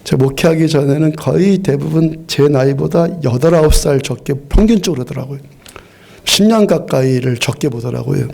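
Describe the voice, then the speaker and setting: A man's voice: on the high side, moderate pace, creaky, dark tone. A middle-aged male pastor preaching a sermon in a church, telling a story earnestly and often repeating and restarting his phrases. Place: church sanctuary.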